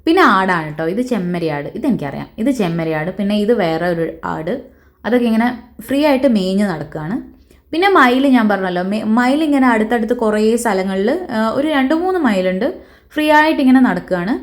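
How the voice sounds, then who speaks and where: A woman talks over her travel footage in a loose, chatty voice-over. She often pauses mid-sentence to hunt for the right word. Her voice sits at an ordinary middle pitch. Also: animated. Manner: chatty, often searching for words. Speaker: travel vlogger. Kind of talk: casual voice-over narration.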